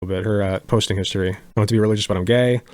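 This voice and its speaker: A man's voice: fairly low pitch, steady tone, very fast, a little mellow, no echo. A man in his thirties giving casual reaction commentary as a streamer at home, close on the mic. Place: small room at home.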